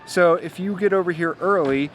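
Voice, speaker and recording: A man with a fairly high voice hosts a guide video in casual, explanatory talk. He is recorded outdoors with clear background noise around him. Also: moderate pace. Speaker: host of a festival guide video. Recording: noisy outdoor urban ambience.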